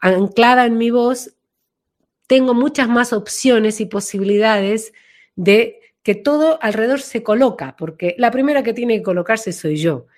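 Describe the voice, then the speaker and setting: A woman with a fairly high, darkish voice speaks unhurriedly as an interview guest while getting over the flu. She's a voice work coach, and she explains things reflectively, repeating phrases for emphasis.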